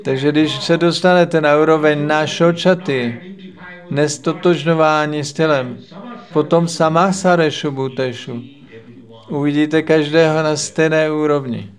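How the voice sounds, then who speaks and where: A man giving a religious lecture in a measured, preaching manner, repeating phrases in lists. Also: on the high side, fairly even intonation. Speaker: spiritual lecturer.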